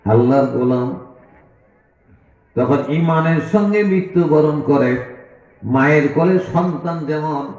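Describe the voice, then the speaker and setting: A man's voice: fairly high pitch, a little slow, long pauses. A man from Bangladesh preaching an Islamic sermon to a crowd, addressing them directly and breaking into chanted recitation. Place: outdoor religious gathering. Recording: echoey loudspeaker sound, dull lo-fi.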